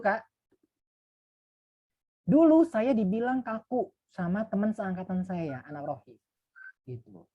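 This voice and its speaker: A man's voice: high voice, lo-fi sound. A man in his thirties, a youth mentor, giving a casual, chatty online talk full of fillers and asides. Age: 30s.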